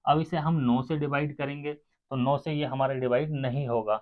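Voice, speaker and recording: Steady in tone and at normal speed, a man with a mid-range voice leads exam aspirants through maths one step at a time. He talks to his students directly and counts the sums out loud over a muffled, phone-like recording.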